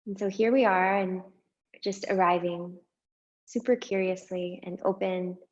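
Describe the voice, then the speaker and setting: A woman guiding a meditation and breathing exercise, speaking slowly and softly with long pauses. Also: mid-range voice, fairly even intonation, highs cut off. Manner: slow, soft and unhurried with long pauses. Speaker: meditation guide. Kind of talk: guided meditation.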